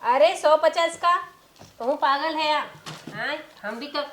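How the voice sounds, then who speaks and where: A woman's voice: sits high, slow, fairly bright tone. A woman with an Awadhi accent acting in a comedy skit as a boastful daughter who talks down to her village family. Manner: boastful, teasing, rustic dialect. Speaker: daughter visiting her parents with her rich husband. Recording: echoey room with faint noise.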